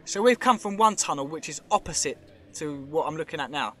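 On the high side and fairly bright, this man's animated voice moves a little fast as he vlogs through an underground show cave with a handheld camera. His commentary rambles, speculates, and points things out in a chatty way.

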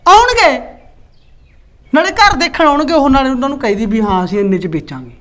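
A woman with an Indian Punjabi accent playing a boastful, scheming middle-aged village husband who bickers with rapid comebacks. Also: sits high, animated. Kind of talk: comedy skit acting.

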